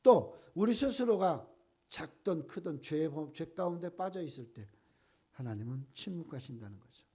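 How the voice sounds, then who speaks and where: A male pastor preaching a sermon, swinging from loud outbursts to hushed lines and acting out people's complaints in a raised voice. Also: fairly high pitch, breathy edge. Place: church sanctuary.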